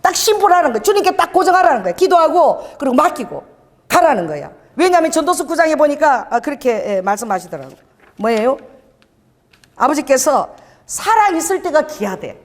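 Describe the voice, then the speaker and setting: A woman preacher with a high voice that leaps and swoops as she talks. She tells her story at a quick clip and voices the other people in it. Her words ring out in a reverberant church hall. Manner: lively storytelling, acts out quoted dialogue, frequent laughter. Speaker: pastor. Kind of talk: sermon with personal anecdotes.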